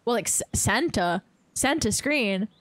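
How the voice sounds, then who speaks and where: Bubbly, excitable young woman streamer. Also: a little high, unhurried. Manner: bubbly and excitable, greets chat, gasps often. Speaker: game streamer. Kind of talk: casual live-stream chat.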